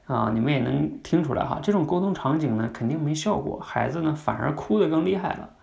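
A man's voice: on the high side, expressive, brisk, vocal fry, darkish tone. A young adult man hosting a podcast, giving an instructive talk in a conversational way and asking listeners questions. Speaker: podcast host. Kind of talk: instructive monologue.

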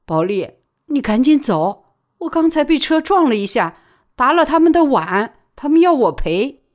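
A woman voicing a shrill, desperate middle-aged street vendor woman in an audiobook reading. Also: sing-song, a little slow. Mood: anxious. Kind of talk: audiobook character voice.

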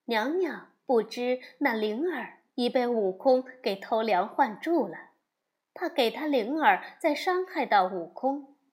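Slow, expressive woman storyteller. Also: a little high. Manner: expressive, acts out the characters. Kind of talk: storybook narration.

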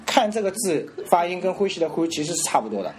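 A man's voice: high voice, very animated, quick pace, background noise. A man with a Shanghainese accent, teaching the dialect in a playful, joking casual chat.

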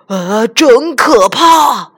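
A woman voicing a big male lion who speaks hesitantly and slowly. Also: medium pitch, big pitch swings, slightly rough, exaggerated voice. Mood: wary. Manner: hesitant, drawn-out. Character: big roaring lion, male, grand then scared.

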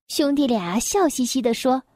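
A woman reads a children's picture book aloud in a gentle, clear, expressive way. Her voice sits high and light. The sound is dry and close. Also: moderate pace, no room sound. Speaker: storyteller.

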